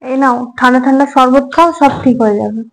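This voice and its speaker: A woman playing a high-voiced coaxing young wife. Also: steady tone, fast talker, poor audio. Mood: placating. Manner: coaxing, apologetic, soothing. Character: anxious young wife, placating her angry husband. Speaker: short-drama actress. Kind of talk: comic home drama acting.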